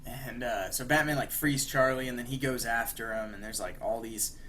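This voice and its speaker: A young man on a podcast recaps a cartoon episode at length, rambling and filling gaps with "like" and "you know". His voice is bright and clear, at an ordinary pitch. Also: steady tone, normal speed, slight background noise. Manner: rambling, many fillers and 'like'. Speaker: podcast co-host. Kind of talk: casual chat, retelling a cartoon episode.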